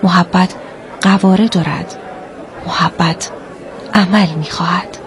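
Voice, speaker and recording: A woman's voice: fairly low pitch, steady tone, a faint crowd, natural voice. Woman reading an earnest, impassioned devoted man. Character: troubled, devoted male camel owner.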